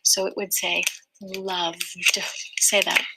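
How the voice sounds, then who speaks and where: A woman teacher leading a small-group reading lesson with young children, asking patient, slow questions. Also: mid-range voice, expressive, heavy background noise.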